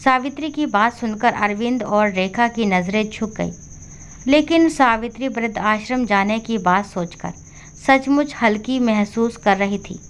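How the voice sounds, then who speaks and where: A woman storyteller reading a scripted family story in a steady, even way. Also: medium pitch, smooth.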